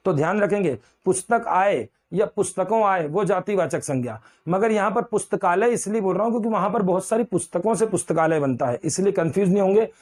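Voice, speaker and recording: A man's voice: sits high, a little mellow. A man teaching Hindi grammar in a lecture, repeating key words and asking and answering his own questions. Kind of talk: classroom lecture.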